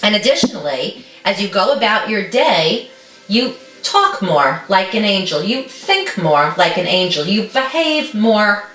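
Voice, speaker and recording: A woman's voice: medium pitch, sing-song, unhurried, a bit bright, reverberant, distant mic, soft background music. A woman co-hosting a show, chatting casually and encouragingly as she demonstrates a recipe in a home kitchen, often checking in with "okay?". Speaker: co-host.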